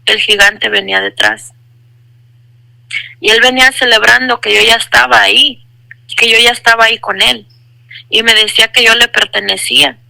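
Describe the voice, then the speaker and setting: Bright, gravelly woman giving testimony. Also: on the high side, animated, moderate pace, long pauses, no room sound, rough recording. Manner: earnest, repeats phrases for emphasis; addresses listener as brother. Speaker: testimony speaker. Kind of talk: personal religious testimony.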